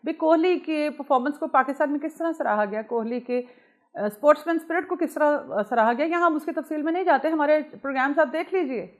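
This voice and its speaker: Woman, channel host, cricket commentary monologue, high voice, emphatic, loudness swings.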